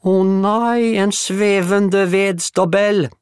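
A man's voice: on the low side, lively intonation, no echo, studio quality, pitched above the performer's own voice, close to an everyday voice. A man voicing a cheerful French woman cook with a French accent, theatrical and easily frightened. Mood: terrified. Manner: theatrical, shrieking when scared.

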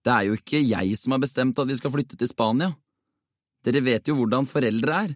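A man's voice: mid-range voice, no echo, clean studio sound, voice pushed up, close to an everyday voice. A man voicing an upset boy footballer who is about to move abroad, in a storybook reading.

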